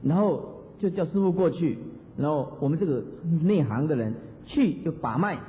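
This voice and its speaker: A man's voice: a little high, lively intonation, normal speed. A male Buddhist monastic teacher giving a dharma talk, chanting examples and chuckling often. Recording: dull lo-fi hall recording.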